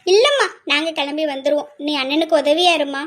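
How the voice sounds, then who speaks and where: A woman doing a calm, motherly aunt. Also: high voice, a little fast. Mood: reassuring. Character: middle-aged aunt Lakshmi, calm and motherly.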